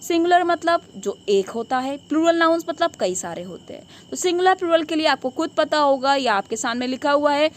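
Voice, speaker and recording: A woman's voice: sits high, expressive, brisk, hardly any pauses. A woman teaching English grammar in a classroom style, asking questions and answering them herself. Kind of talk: classroom lesson.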